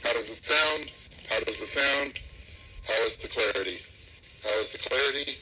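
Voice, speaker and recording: A man speaking slowly through a security camera's small speaker, repeating each test phrase for an audio check. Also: medium pitch, bright, forceful tone, a little hiss or hum, poor audio. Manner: slow, deliberate, repeating each line. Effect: heard through a security camera's small speaker. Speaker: product reviewer.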